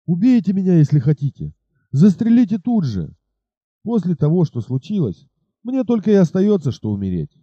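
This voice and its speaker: A man voicing a fierce bearded robber chief in an audiobook, with a gruff, raised delivery. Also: high-pitched, very animated, moderate pace, dark tone, no echo, muffled recording, voice pushed up, exaggerated voice. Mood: pleading.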